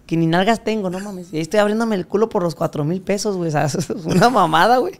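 A man's voice: high-pitched, quick pace. A young man with a Mexican accent sits in as a podcast guest, telling a long story in casual, crude slang. He swears constantly and jumps into the voices of the people he quotes. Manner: crude, profanity-laden, acts out quoted voices.

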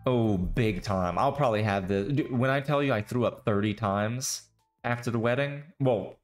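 A man's voice: lowish voice, moderate pace, soft background music. A hungover man hosting a casual podcast chat, rambling and profane, slurring his words. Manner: rambling, profane, restarts often. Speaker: podcast host.

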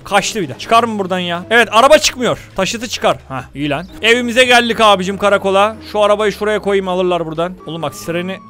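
A high-pitched man rattling off quick game commentary to his viewers. He is slangy and excitable, and his voice flares into shouts when the action heats up. The talk runs at a brisk clip. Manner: bursts into shouted outbursts while playing. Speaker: gaming video host. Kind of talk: let's play game commentary.

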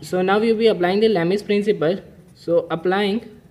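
High-voiced man tutoring step by step. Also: fairly even intonation, moderate pace, darkish tone. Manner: methodical, step-by-step explaining with filler "okay". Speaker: engineering mechanics tutor. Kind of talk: whiteboard-style problem-solving lesson.

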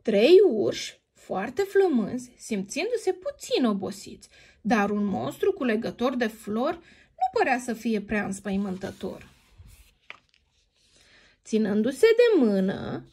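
A woman reading a children's story aloud in an expressive, sing-song manner, sometimes addressing the heroine directly. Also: a little high, breathy edge.

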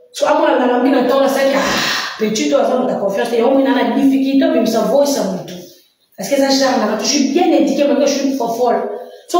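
Woman, high voice, ranting on a talk show. She is far from the mic in a very roomy space. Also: a little mellow. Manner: rambling, rapid-fire rant with sing-song bursts. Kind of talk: heated monologue on a talk show. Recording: very echoey room, mic far off.

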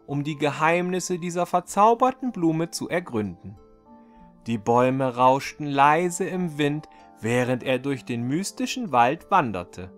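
A male storyteller reads a fairy tale aloud in an expressive, deliberate, scripted storybook style. His voice sits fairly high.

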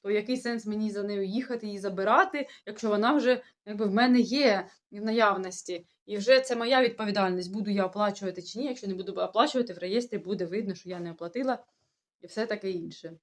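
Speaking quickly in a mid-range voice, a young woman who vlogs about village life chats casually to the camera about everyday things. Russian is her first language, and she has a sore throat. Puzzled-sounding, she rambles and keeps restarting.

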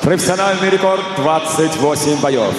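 A man working as an arena announcer, introducing fighters with booming, drawn-out showmanship. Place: large indoor sports arena. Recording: echoey arena hall, far off, noisy.

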